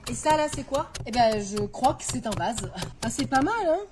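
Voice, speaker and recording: A woman's voice: fairly high pitch, animated, moderate pace, background noise. A woman performing casual comedic sketch dialogue, chatty and haggling back and forth.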